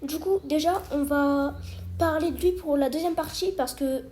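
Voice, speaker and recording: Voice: high voice, normal speed, darkish tone, slight background noise. A child or young teenager talking casually and hesitantly to subscribers in an informal online video commentary. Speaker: video creator addressing subscribers.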